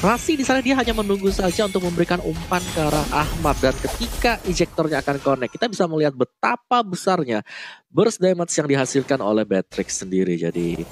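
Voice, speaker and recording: A man's voice: fairly high pitch, big pitch swings, brisk. A man with an Indonesian accent giving live analysis as an esports caster, explaining the play. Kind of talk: live match analysis commentary. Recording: music behind the voice. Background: music.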